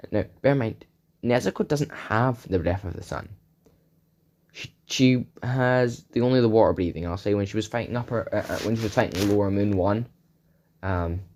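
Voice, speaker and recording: Low-ish guy rambling thru his fan story, fixing himself mid-sentence. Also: a little mellow. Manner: rambling, unscripted, self-correcting. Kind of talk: casual spoken fan story.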